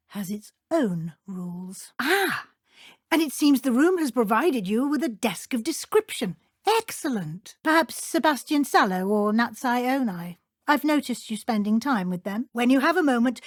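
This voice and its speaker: A brisk, kindly witch professor in middle age for a fantasy video game. Her British voice sits a little high. She speaks in precise, formal, instructive phrases, recorded very dry with no room sound. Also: dry recording.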